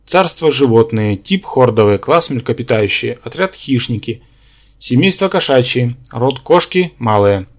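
A man's voice: medium pitch, animated, a little slow. A man voicing a pedantic, lecturing male spirit symbiont who lives in the hero's head. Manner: lecturing, matter-of-fact.

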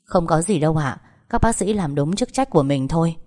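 A woman voicing a calm, professional male doctor who reassures a patient's family in a spoken story. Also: sits low, fairly quick. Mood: reassuring. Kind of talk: audiobook storytelling.

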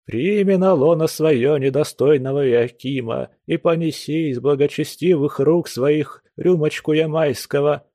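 A maudlin drunken old man who begs and preaches in lofty, churchy words, as a male reader puts him on. The voice sits a little higher than usual yet stays mellow and dark in tone, recorded close and completely dry. It suits an audiobook reading. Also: unhurried, few pauses, dry recording. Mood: drunken pleading. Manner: wailing, churchy pompous phrasing.

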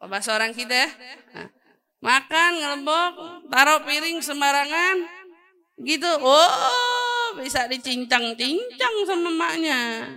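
A woman preacher giving a lively sermon to a women's gathering in a casual manner, acting out quoted voices. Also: high voice. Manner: lively, acts out quoted voices, laughs often.

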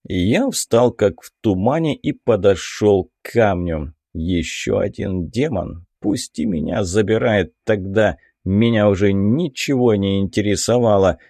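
A man reading a fantasy audiobook aloud in the first person, expressive and lively. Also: on the low side, measured pace, hardly any pauses, dry recording, clean studio sound. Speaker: audiobook narrator.

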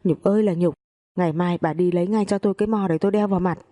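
A woman's voice: on the low side, fairly even intonation, fast, close to an everyday voice. A woman voicing a stern older father-in-law, head of the house, who scolds his wife in an audio story. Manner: scolding, sharp rebukes.

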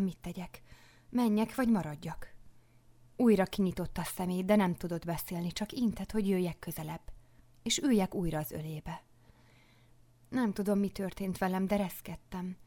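A woman with a medium-pitched voice narrates a first-person novel for an audiobook. She keeps it hushed and often slips into a whisper.

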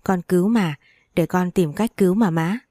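A woman's voice: on the low side, moderate pace, dark tone, no room sound, studio quality, close to an everyday voice. A woman reading the part of a desperate young servant woman pleading tearfully.

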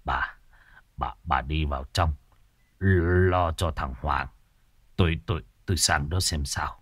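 A man voicing a shaken middle-aged troupe owner who speaks quietly and stammers. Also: very deep voice, measured pace, slightly rough, no room sound, pitched below the performer's own voice, full character voice.

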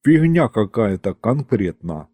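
A streetwise imp henchman, as a man puts him on, speaks in short, clipped gangster slang. The tone is mellow and the pitch moves a lot. The recording is dry. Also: big pitch swings, a little slow, no echo. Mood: gruff.

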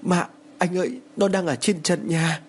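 A man's voice: moderate pace, a little hiss or hum, natural voice. A man voicing a terrified young wife haunted by a ghost, pleading in a raised, panicked voice. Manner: pleading, panicked, high-pitched.

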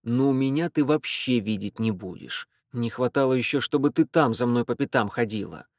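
A man's voice: mid-range voice, normal speed, no echo, studio quality, natural voice. A man doing an exasperated, grumbling brother. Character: irritable young man, exasperated older brother.

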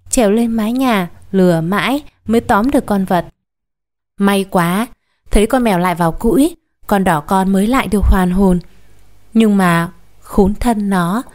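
A woman storyteller reading a short story aloud in a calm, even narration. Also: mid-range voice.

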